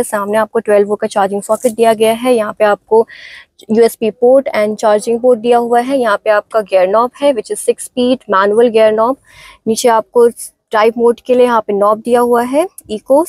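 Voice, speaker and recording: A woman with an Indian accent and a high-leaning, slightly mellow voice gives a walk-around review of a car, covering each feature in turn. She switches between Hindi and English phrases. The audio is dry and low-quality.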